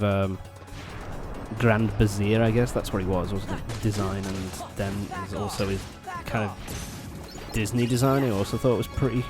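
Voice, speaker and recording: A young man giving casual, rambling, sweary gameplay commentary while recovering from a cold. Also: lowish voice. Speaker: let's play host. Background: loud game music.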